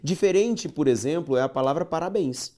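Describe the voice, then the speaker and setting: Lively, emphatic Brazilian male teacher. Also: a little high, normal speed. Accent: Brazilian Portuguese. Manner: emphatic, repeats key points, asks rhetorical questions. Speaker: grammar teacher. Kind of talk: recorded grammar lesson.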